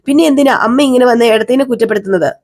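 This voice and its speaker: A woman's voice: fairly high pitch, quick pace, a little mellow, lightly acted. A woman doing an earnest young brother-in-law.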